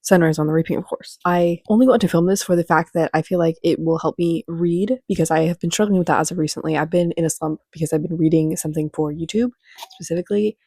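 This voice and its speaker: Sitting at home before a bookshelf, a young book vlogger with a cold-stuffed, congested voice rambles casually through a book recap, fast and bubbly. Her fairly low voice is warm and slightly rough, with vocal fry. The recording is dry.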